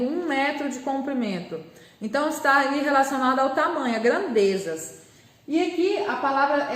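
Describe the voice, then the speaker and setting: High-voiced Brazilian woman teaching children. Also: reverberant. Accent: Brazilian Portuguese. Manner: patient, slow, spells words out syllable by syllable. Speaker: primary school teacher. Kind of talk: remote class lesson.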